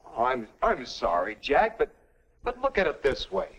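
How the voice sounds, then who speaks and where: An actor playing a cocky young American older brother in a stagy 1950s educational film, with an emphatic, lecturing way of talking. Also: male voice, on the high side, wildly swooping pitch, normal speed, creaky, a bit bright, husky, full character voice. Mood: conciliatory, knowing. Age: young adult. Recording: dull old film soundtrack.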